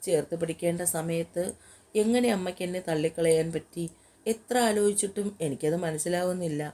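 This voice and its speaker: A woman's voice: lowish voice, brisk, dark tone, close to an everyday voice. A woman narrator voicing a young woman who is tearful and heartbroken, pleading through her tears in an audio story. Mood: sorrowful.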